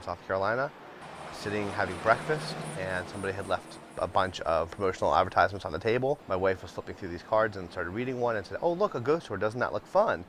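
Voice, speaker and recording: A man's voice: low-pitched, noisy background. A middle-aged man speaking unscripted in an interview about his work as a tour guide, conversational and matter-of-fact. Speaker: ghost tour company owner and guide.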